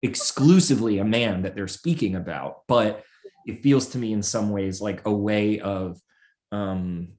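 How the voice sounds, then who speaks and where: Lower-voiced man musing on air. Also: a little mellow. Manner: musing, halting, many fillers and restarts. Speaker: podcast co-host. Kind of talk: casual chat.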